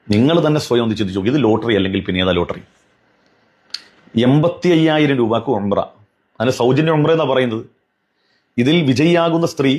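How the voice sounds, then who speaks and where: A man delivers an admonishing religious commentary, earnest and pleading, hammering his points home with repetition and rhetorical questions. His voice is medium-pitched with a darkish tone.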